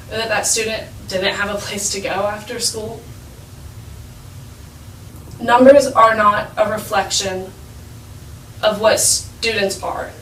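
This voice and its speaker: A high school girl in her late teens giving an earnest persuasive speech with emphatic repetition. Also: a bit bright, slight background noise. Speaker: high school student speaker. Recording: echoey room, mic far off.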